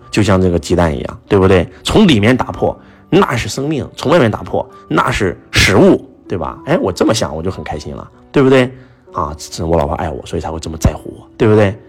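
A man speaks in a husky, fairly low voice, lecturing an audience in an animated, swooping way. He keeps throwing out rhetorical questions as he tells his story. Faint music plays behind him. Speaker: motivational speaker.

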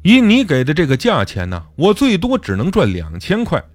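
A man's voice: medium pitch, sing-song, normal speed, darkish tone, dry recording. A man voicing a sly, sarcastic male amulet dealer with needling, jealous teasing in an audiobook.

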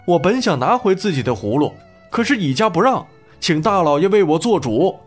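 An aggrieved villager makes his complaint in a high, insistent voice, as a male storyteller puts him on. His pitch rises and falls eagerly, with light music behind him. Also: sing-song, normal speed, slightly rough, heavily acted.

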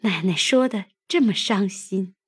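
A woman voicing a loyal, gentle young maid who coaxes and soothes her mistress. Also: medium pitch, husky, no echo, studio quality. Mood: soothing. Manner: coaxing, raised and quick when calling out. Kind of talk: audiobook character reading.

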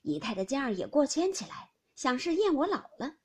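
A woman's voice: high voice, sing-song, a little fast, voice pushed up. A woman reading a jovial elderly noble grandmother. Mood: merry. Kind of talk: audiobook character reading.

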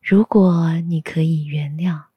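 A woman guiding a meditation in a soft, soothing, breathy spa-like whisper, giving gentle instructions. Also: sits low, steady tone, slow, dry recording, lo-fi sound. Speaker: guided meditation narrator.

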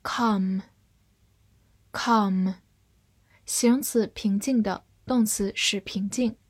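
A woman teaching English vocabulary in a scripted lesson, explaining each word clearly and reading example sentences aloud slowly. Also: mid-range voice, fairly even intonation. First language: Chinese. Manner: clear, measured explanations with slow read-alouds.

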